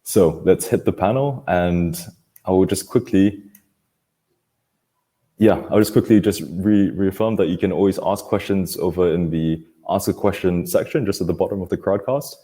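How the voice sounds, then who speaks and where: Hosting an online panel webinar over a computer video call, a man speaks casually and somewhat hesitantly. His voice is low, warm, and steady, at a moderate pace.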